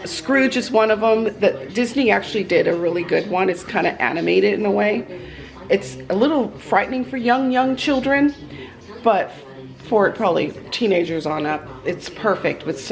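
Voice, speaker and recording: A woman talks casually to her camera while baking in her home kitchen. She rambles a little, using plenty of fillers and small restarts, and her voice sits at an ordinary middle pitch. The sound is picked up by the camera mic, with faint music behind her. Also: rough recording. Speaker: vlogger. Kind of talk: casual baking vlog chat.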